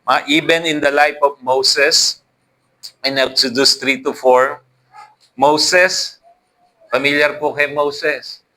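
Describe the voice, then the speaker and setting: A man's voice: a little high, sharp tone, rough recording. A man with a Filipino accent preaching a sermon, switching between Tagalog and English and asking the congregation for responses. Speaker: pastor.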